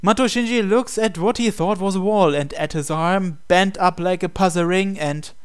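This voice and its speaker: As a gaming host, a man reads visual novel narration aloud at a moderate pace. His voice sits a little high for a man and sounds very clean and smooth.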